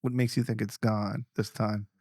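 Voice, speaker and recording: A man's voice: fairly low pitch, flat delivery, moderate pace, a little mellow, no echo, studio quality. A man hosting a podcast in a casual, rambling way, restarting often and swearing freely. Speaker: podcast host. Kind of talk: casual conversation.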